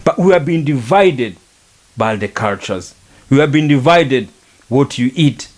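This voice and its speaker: Middle-aged man, podcast monologue, earnest and repetitive, slow delivery. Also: mid-range voice, lively intonation. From Rwanda. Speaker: podcast speaker. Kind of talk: reflective monologue on faith and culture.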